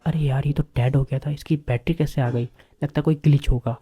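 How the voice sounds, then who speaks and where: Man reading nervous young lad, plain mellow voice, everyday tone. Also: fairly high pitch, fairly even intonation, a little fast, slightly rough. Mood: puzzled. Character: scared young male student in hostel.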